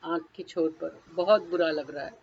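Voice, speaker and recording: A woman's voice: low-pitched, normal speed, highs cut off, a little hiss or hum. A woman leading a guided tapping session, naming each body point and then speaking a short first-person phrase for the listener to repeat.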